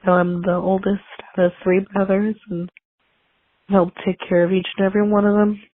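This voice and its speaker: A young woman, hoarse from a sinus infection, leaving a chatty, rambling voicemail full of fillers. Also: medium pitch, little pitch movement, a little fast, no echo. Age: young adult. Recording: tinny phone line voicemail.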